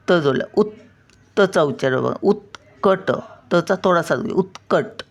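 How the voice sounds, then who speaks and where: A woman's voice: low voice, creaky. An older woman teaching pronunciation word by word, stretching out syllables and repeating each word patiently. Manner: drawn-out syllables, patient repetition. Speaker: Marathi language teacher. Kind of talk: slow word-by-word pronunciation lesson.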